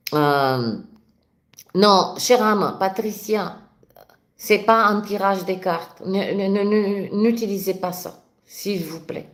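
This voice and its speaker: A French woman with a regional accent hosts a spiritual live stream and talks with fervent passion. She speaks slowly and spontaneously, often restarting her phrases. Her voice carries a roomy echo. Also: on the low side. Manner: passionate, animated, with many restarts. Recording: echoey room.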